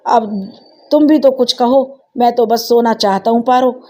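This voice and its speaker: Old dying husband, weary and remorseful, soft pleading tone, read by a woman with a mellow, dark voice. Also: a little high, a little slow, natural voice. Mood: weary tender.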